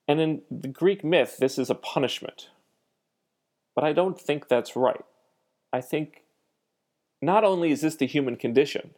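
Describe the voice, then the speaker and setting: Alone on his podcast, a nasal-voiced host with a mid-range pitch muses aloud in a self-deprecating, reflective way, pausing often.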